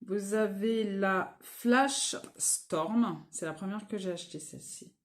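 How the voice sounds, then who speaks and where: A woman's voice: mid-range voice, slow pace. A woman vlogging at home, casually showing and swatching makeup, hesitant with many fillers and restarts. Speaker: beauty vlogger. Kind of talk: casual makeup product show-and-tell.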